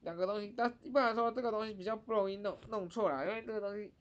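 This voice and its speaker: A woman teaching a Japanese pronunciation lesson in Mandarin, repeating words slowly and drawing out their sounds. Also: mid-range voice. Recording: dull lo-fi recording.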